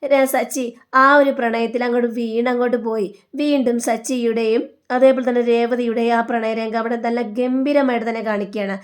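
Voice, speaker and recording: A woman with a fairly high, bright voice recaps a TV serial episode. She talks in a chatty, animated way, with casual restarts as she goes. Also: moderate pace. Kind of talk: retelling a TV serial.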